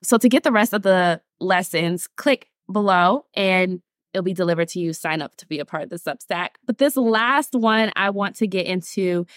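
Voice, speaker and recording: A TikTok creator and podcast host in her 20s from Atlanta, Georgia, has a lowish voice and talks casually to camera at normal speed. She's chatty and animated, laughs frequently, and addresses listeners as y'all, recorded dry with clean studio sound.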